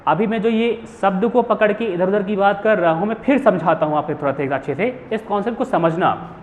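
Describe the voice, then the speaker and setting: A man's voice: high voice, brisk. A young man teaching Hindi grammar in a classroom lesson, asking questions and answering them himself. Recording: phone-like hall echo with faint hiss.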